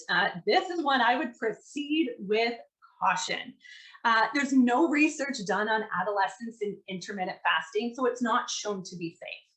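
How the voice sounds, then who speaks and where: A woman dietitian giving a relaxed online presentation to teachers, conversational with lots of fillers and a dry sarcastic streak. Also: mid-range voice, rough recording.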